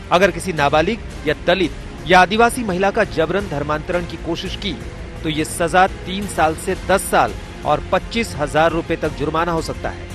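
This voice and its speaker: Male reporter, scripted news voice-over, brisk and emphatic, music bed underneath. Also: on the high side.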